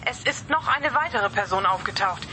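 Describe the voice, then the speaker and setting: An actor playing a male dispatcher calling a unit over two-way radio, in a brisk, urgent scripted sketch. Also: high-pitched, lively intonation, pushed and bright, exaggerated voice. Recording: noisy radio transmission.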